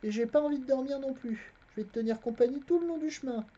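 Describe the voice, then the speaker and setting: A reader voicing an earnest, quick-witted young farm boy in a high, eager voice, reading a fantasy novel aloud. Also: mellow. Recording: dull, lo-fi stream audio.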